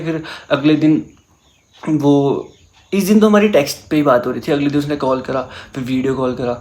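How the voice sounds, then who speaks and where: A young man telling a personal story in casual chat, animated and mixing English words into his talk. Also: fairly high pitch. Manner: animated, mixes English into Hindi.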